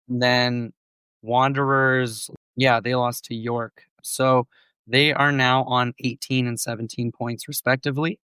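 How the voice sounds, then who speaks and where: A man still getting over a cold, his voice on the mend, co-hosts a casual sports podcast and works through match plays with measured, thoughtful analysis. His mid-range voice is fairly bright, clear and resonant, heard in a dry yet rough recording.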